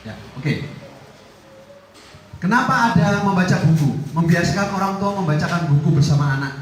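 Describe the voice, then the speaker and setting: A middle-aged man, an Islamic teacher, giving a lively parenting talk to parents in a small prayer room. He swings between loud emphasis and soft asides. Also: a little high. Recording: echoey room with faint ambient noise.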